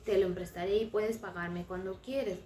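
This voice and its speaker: A woman's voice: mid-range voice, steady tone, normal speed, dark tone, a little hiss or hum, natural voice. A woman voicing a generous little boy with many presents, in a roomy, distant recording. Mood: kind.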